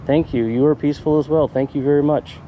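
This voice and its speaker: A man's voice: on the high side, fairly even intonation, fast talker, highs cut off. A man talking casually and politely as a paranormal investigator, outdoors with some faint noise behind him. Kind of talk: casual talk, addressing spirits and echoing words. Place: outdoors in a cemetery.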